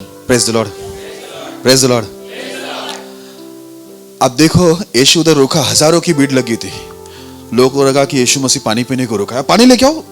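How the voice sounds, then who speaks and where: A man's voice: medium pitch, unhurried, long pauses, faint music behind. A male pastor preaching a sermon with a touch, retelling a Bible story and acting out the crowd's scolding voices. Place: church hall.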